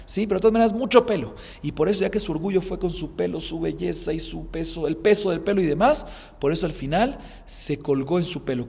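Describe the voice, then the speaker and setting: A man's voice: fairly high pitch, darkish tone, breathy edge, long reverb tail. A man, a rabbi teaching a Talmud class, explaining passages, often checking in with "¿sí?" and chanting the original texts. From Colombia. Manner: explanatory, frequent "¿sí?" check-ins, chants Hebrew and Aramaic passages.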